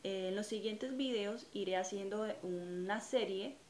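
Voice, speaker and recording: A woman's voice: medium pitch, a little slow, a little mellow. Earnest Colombian woman in an echoey room. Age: 30s. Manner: earnest, reflective, hesitant with frequent "eh" fillers. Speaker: channel host giving personal testimony. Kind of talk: personal religious testimony to camera. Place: small indoor room in front of a curtain. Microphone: camera or phone at close range. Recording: echoey room with faint ambient noise.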